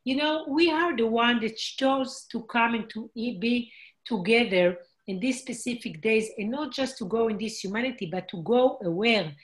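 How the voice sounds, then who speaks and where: Female host, fairly high voice, earnest manner, non-native English. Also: moderate pace. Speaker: host of spiritual group meeting. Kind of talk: casual group talk.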